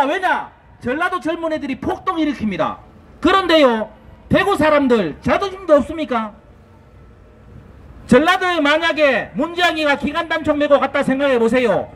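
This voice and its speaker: High bright daegu-accent guy yelling a rally speech outside, lots of echo, bit of noise. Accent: Gyeongsang (Daegu). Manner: shouting, fiery, chants slogans, rhetorical questions. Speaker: rally speaker. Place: outdoor street rally. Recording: echoey outdoor street, long reverb, faint noise.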